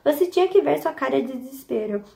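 A woman's voice: high-pitched, expressive, fast talker, gravelly, warm tone, distant mic. A woman voicing a playful, teasing young man in a spoken story, in her own reading voice.

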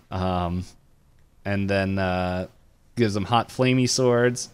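A man's voice: lowish voice, smooth. A man co-hosting a podcast, casually retelling a cartoon episode in a rambling way, with lots of fillers and laughs. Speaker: podcast co-host. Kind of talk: casual recap chat.

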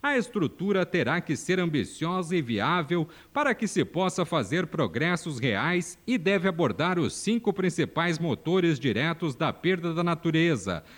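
A man's voice: fairly high pitch, big pitch swings, moderate pace, few pauses, a bit bright. A man presenting a farming programme in formal, scripted announcer narration.

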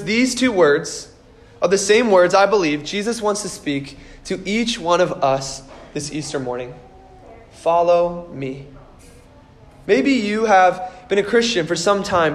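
A man preaching an Easter sermon as pastor, telling the story earnestly and slowing down and softening on the key words. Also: sits high.

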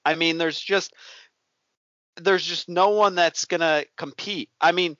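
A man's voice: on the high side, steady tone, a little slow, bright, forceful tone, dry recording. Man, self-mocking sports chat, lo-fi. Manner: loose and self-deprecating, many ums. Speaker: sports podcast co-host. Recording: dull lo-fi, dry sound.

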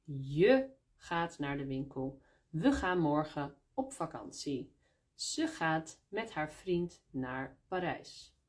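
Slow, patient Dutch-speaking woman teacher. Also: low voice, very animated. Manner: explains slowly, repeating words in Dutch and English. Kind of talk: live-streamed Q&A lesson. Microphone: phone.

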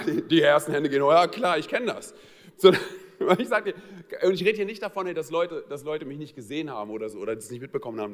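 A man delivers a sermon in a fast, conversational flow, talking directly to his congregation and telling funny stories with lots of fillers. His voice sits a little high. A long reverb from the church hall trails behind him. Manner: conversational, talks straight to the congregation; humorous storytelling with frequent fillers. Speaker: pastor. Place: church service.

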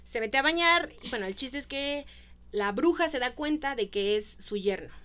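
A woman with a Mexican accent casually retelling a story to a co-host, animated and laughing often. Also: high voice, moderate pace, clear, resonant tone. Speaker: podcast co-host.

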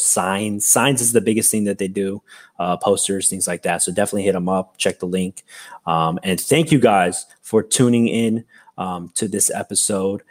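A man's voice: fairly low pitch, darkish tone. A man co-hosting a casual podcast, rambling with lots of fillers and restarts as he thanks guests and plugs the show. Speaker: podcast co-host. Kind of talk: casual chat.

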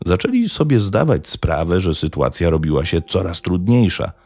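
A man narrating a true-crime story in a measured, grave tone. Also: deep voice, sing-song, darkish tone, dry recording. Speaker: podcast narrator.

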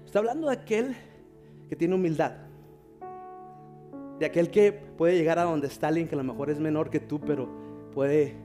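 A male pastor, preaching a sermon and praying fervently. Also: fairly high pitch. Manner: fervent, slows down to pray. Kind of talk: sermon with prayer. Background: soft guitar music.

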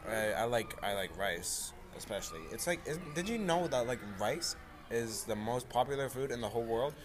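A man's voice: mid-range voice, lively intonation, moderate pace, noisy background. A man chatting casually about food, rambling and playful, repeating words, sounding a bit stuffy.

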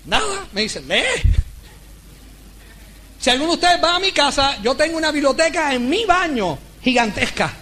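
A man's voice: very high voice, a little fast, few pauses. A middle-aged man giving a motivational business talk to a live audience, telling stories and acting out dialogues. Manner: animated storyteller who acts out dialogues.

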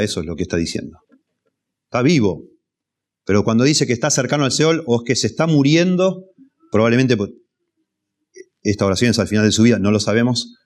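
A man preaching an expository sermon, measured and repeating key phrases for emphasis. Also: medium pitch. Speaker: pastor.

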